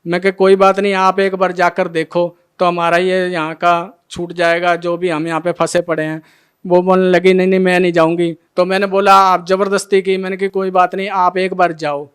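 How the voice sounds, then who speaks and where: A man's voice: high voice, little pitch movement, fairly quick, smooth. A middle-aged man emotionally telling his testimony as a devotee, acting out the dialogue of each scene. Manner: retells scenes by acting out every line of dialogue.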